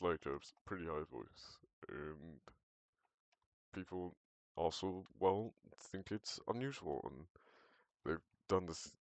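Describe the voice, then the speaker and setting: Teen boy with a very low, gravelly voice, loose rambling gamer chat, dry close sound. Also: no echo. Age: teens. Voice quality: very deep voice. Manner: rambling, hesitant, self-correcting. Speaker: gaming vlogger. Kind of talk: casual chat while gaming.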